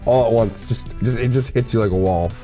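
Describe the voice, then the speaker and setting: A man co-hosting a live tech chat show, explaining news in a relaxed, easygoing way. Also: medium pitch, normal speed, soft background music. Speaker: co-host.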